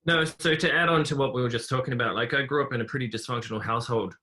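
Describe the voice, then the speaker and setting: A young man from New Zealand, a podcast guest telling his life story in a relaxed, rambling way with many fillers. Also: mid-range voice, racing. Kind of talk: casual conversational interview.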